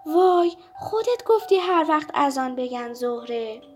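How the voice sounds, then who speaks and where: A small, impatient girl, as a woman storyteller puts her on pleads and presses with question after question. Her voice sits high and bright in a children's audio story. Soft music plays underneath. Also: animated. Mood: sulky. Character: eager hungry little girl, impatient.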